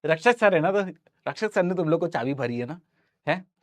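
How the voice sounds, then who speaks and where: A man's voice: on the high side, lively intonation, brisk, no room sound. A male teacher chatting casually with his students, teasing them with mock-indignant complaints. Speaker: online teacher.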